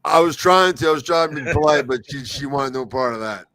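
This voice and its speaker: A man's voice: mid-range voice, fairly quick, a bit bright, no room sound. A man hosting a livestream. He chats casually, asks his guest questions and laughs often. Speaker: host.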